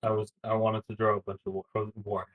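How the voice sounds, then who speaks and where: A man's voice: on the low side, flat delivery, fairly quick, phone-quality sound. A man co-hosting a podcast in casual chat, rambling, swearing freely and laughing easily. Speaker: podcast co-host.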